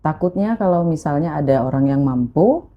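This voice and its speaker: A woman's voice: deep voice, moderate pace, lo-fi sound. A woman guest in a casual interview, telling her own story with emotion and acting out the voices of the people in it. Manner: emotional, animated retelling with quoted voices.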